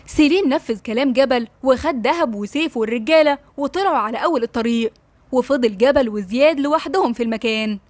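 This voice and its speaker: A woman with an Egyptian accent narrating a novel as an audiobook, brisk and straightforward. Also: sits high, a little mellow, no room sound. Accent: Egyptian Arabic. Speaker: storyteller.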